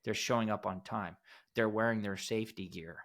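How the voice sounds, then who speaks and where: A man's voice: on the low side, fairly even intonation, a little fast, fairly bright tone. A man co-hosting a podcast who talks in a blunt, emphatic way, with some casual swearing. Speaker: podcast co-host, steel fabrication company owner.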